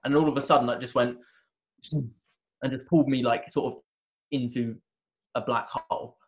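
Speaking at a middle pitch, this male wellness coach is a guest in a conversation, recounting something from his own life with animated energy and voicing his past self's words. He stumbles through many restarts and fillers. The sound is lo-fi with a faint hiss or hum.

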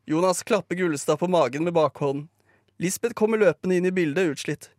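Male narrator for a live radio play, slightly higher voice, brisk and dry delivery, close and dry sound. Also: darkish tone, no echo.

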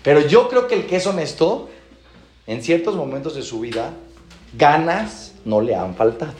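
A rabbi gives a Torah class in a slightly high voice at a moderate pace. He is animated, acting out stories and dialogues and repeating phrases for emphasis, and the room has a noticeable echo.

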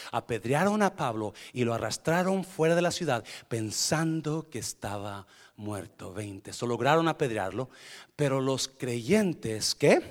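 A man preaching a sermon in Spanish to his congregation, slipping English phrases in and swinging between hushed, intimate talk and loud, shouted passages. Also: medium pitch. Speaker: pastor.

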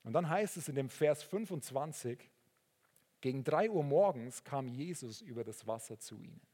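A man preaching a sermon, earnest and sometimes rising into excited storytelling. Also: mid-range voice, moderate pace, husky. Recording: long reverb of a large hall.

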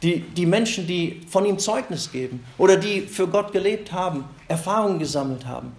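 A man's voice: high-pitched, lively intonation, moderate pace, reverberant. A man preaching a sermon, telling stories and acting out the excuses of people in quoted voices.

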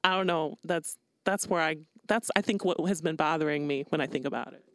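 A woman's voice: sits low, brisk, no room sound. A woman co-hosting a podcast, talking in a casual, reflective and rambling way, with many fillers. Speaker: podcast co-host.

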